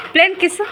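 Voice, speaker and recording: A woman's voice: extremely high pitch, noisy background. A young woman, a mother, vlogging casually at home and coaxing her small children.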